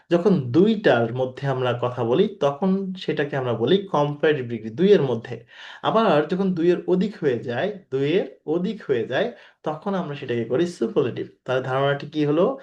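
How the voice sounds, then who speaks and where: A man's voice: a little high, a little mellow. Man teaching exam grammar, lo-fi recording. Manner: repeats key points and asks the class rhetorical questions; mixes English words into his talk.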